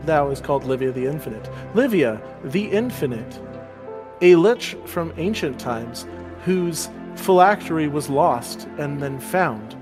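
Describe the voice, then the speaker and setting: Man reading lore with a canyon-like echo. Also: fairly high pitch. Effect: echo effect on the voice. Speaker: game master. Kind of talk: narrating lore in a tabletop game.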